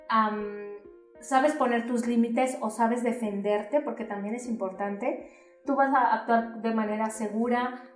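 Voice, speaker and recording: Mexican woman therapist chatting, animated, kinda far from the mic in an echoey room. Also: fairly high pitch. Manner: animated, acts out quoted voices, many fillers. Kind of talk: conversational explaining. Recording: roomy, distant mic.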